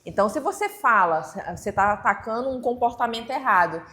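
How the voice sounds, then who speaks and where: A woman taking part in a workplace meeting, explaining her point in a halting way with many restarts. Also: a little high, lively intonation, bright, forceful tone, reverberant. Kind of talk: casual explanation in a group discussion.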